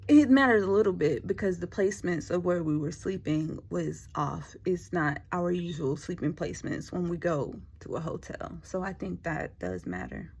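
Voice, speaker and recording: A woman host telling a true ghost story in casual chat, sometimes dropping to a hush for the spooky parts, in her dark bedroom at night. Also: fairly low pitch, animated, moderate pace, gravelly, breathy edge.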